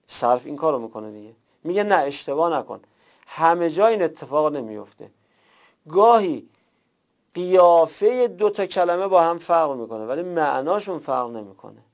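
A man teaching a class, explaining step by step with worked examples and rhetorical questions. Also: fairly high pitch. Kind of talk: classroom lecture. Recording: dull lo-fi recording.

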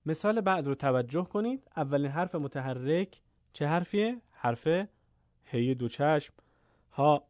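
A man teaching Quran reading in a lesson. He explains the rules quickly and says the example words slowly and drawn out. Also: a little high, animated, darkish tone, dry recording. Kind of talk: lesson with slow word drills.

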